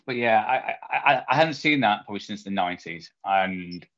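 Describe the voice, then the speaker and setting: A man's voice: on the low side, lively intonation, a little fast, a bit bright. A man co-hosting a podcast, talking in a rambling, chatty, amused way. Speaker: podcast co-host. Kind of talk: casual chat. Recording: dull lo-fi podcast audio.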